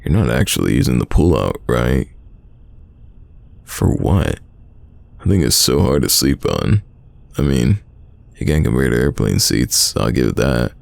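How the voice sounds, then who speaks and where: A man voices a young friend who is teasing and stubborn for an intimate roleplay audio drama, his voice very deep and gravelly. The delivery is casual and very animated, peppered with drawn-out sighs, heavily acted and without echo, in a mood of exasperated teasing.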